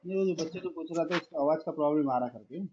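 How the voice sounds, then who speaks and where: A man's voice: a little high, rapid-fire, warm tone, dull audio, a little hiss or hum. A man teaching a math class online, calling his students "beta" and mixing English math terms into his explanations.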